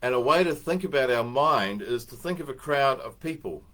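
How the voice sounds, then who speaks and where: A man's voice: medium pitch, animated, normal speed, a bit bright. An older man, giving a casual, anecdotal talk as host, rambling a little and chuckling at his own story.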